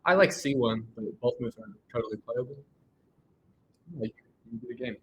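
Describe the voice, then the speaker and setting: A man's voice: medium pitch, moderate pace, a bit bright, slight background noise, poor audio. A man commentating a chess game live, thinking aloud and often restarting his sentences.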